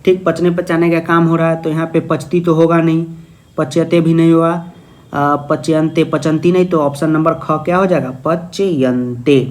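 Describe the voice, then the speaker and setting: A man's voice: a little high, level tone, moderate pace, a little mellow. A young man teaching a Sanskrit exam lesson, playful and jokey, often asking questions and then answering them himself in a student's voice. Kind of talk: exam-prep video lesson.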